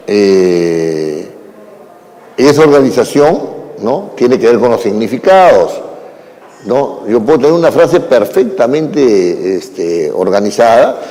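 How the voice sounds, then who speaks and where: A man giving a classroom lecture, explaining at an unhurried pace and often closing his phrases with a questioning tag and fillers. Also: mid-range voice, dark tone. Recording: long hall reverb.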